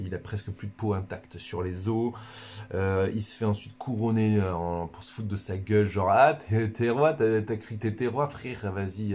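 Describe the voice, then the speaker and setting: Male friar, livestream teacher, lowish voice, slangy and jokey, frequent restarts. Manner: joking, animated, bursts of laughter between points; loose, colloquial, stumbles over words. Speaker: friar giving a spiritual talk.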